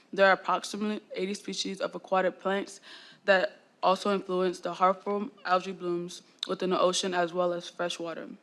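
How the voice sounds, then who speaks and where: Young woman from Florida reading a presentation. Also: fairly low pitch. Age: young adult. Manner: steady, read-aloud delivery. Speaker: student presenter.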